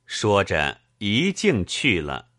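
A man reads a classic novel aloud in a deep voice, taking his time. His delivery is expressive, with a lively swing in pitch, and the recording is dry and close. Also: dry recording. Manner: measured, expressive storytelling. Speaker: narrator. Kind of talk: audiobook narration of a classic novel.

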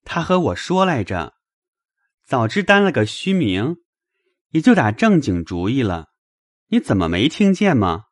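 Baoyu, a dreamy young lord. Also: male voice, medium pitch, big pitch swings, measured pace, pauses often, no room sound, clean studio sound. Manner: eager, urgent pleading. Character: infatuated young nobleman, dreamy and pleading.

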